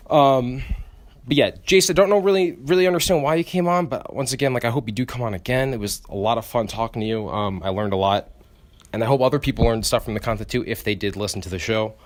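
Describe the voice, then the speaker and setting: A young man hosting a podcast, talking casually on his own in a rambling, profane way with frequent restarts and stammers. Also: medium pitch. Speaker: podcast host. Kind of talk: casual solo podcast monologue.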